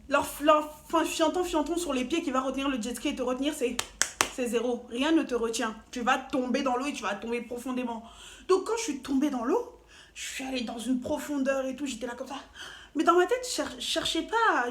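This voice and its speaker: A woman telling a story to camera in a casual, animated and slangy way, with playful asides. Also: sits high. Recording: roomy echo, faint noise.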